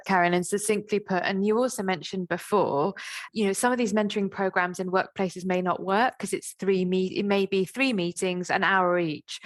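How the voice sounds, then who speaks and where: A woman hosting a podcast who asks interview questions and affirms her guest encouragingly. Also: medium pitch. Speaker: podcast host.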